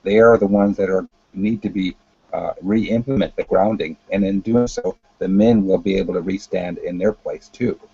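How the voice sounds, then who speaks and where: A man giving an unscripted spiritual talk in a calm, earnest, deliberate way, repeating phrases as he goes. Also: low-pitched, gravelly, slightly rough, highs cut off. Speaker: spiritual teacher.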